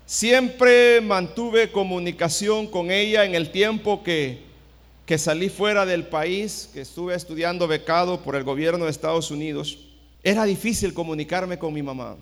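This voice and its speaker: A middle-aged pastor preaches with a fairly high voice, dropping to a hush and then rising to a shout as he tells his story. The sound carries the long reverb of a large church hall. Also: moderate pace. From El Salvador. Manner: storytelling, swings from hushed to shouted. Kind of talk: sermon.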